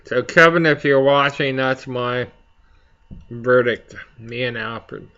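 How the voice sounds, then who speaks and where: A man hosting a casual, rambling chat for viewers, speaking haltingly as he searches for his words. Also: mid-range voice, level tone, sharp tone, muffled recording. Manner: halting, slow to find words. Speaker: pipe hobby video host.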